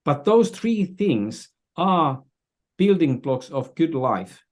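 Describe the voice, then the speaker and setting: This older man from Finland has a fairly high, darkish voice that is very animated yet slow-paced. Appearing as an interview guest and business strategist, he explains things in a conversational way with a Finnish accent, frequently hunting for words and repeating himself.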